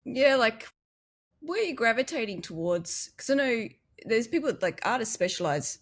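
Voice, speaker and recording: A woman's voice: fairly high pitch, sing-song, moderate pace. A woman with an Australian accent hosting a casual interview, chatty, laughing easily and using plenty of fillers. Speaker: podcast host.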